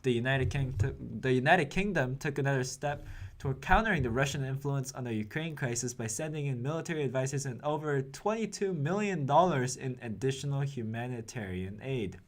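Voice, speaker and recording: A man's voice: medium pitch, fairly quick. Wry young male news anchor. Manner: editorial, wry commentary. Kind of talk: news report with personal asides.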